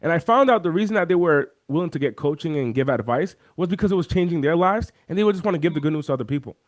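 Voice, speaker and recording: A man talking as an interview guest, walking through software on a shared screen and acting out the voices of chat viewers. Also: fairly high pitch, rapid-fire, dry recording, studio quality. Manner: animated, acts out quoted chat voices. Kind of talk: energetic screen-share walkthrough.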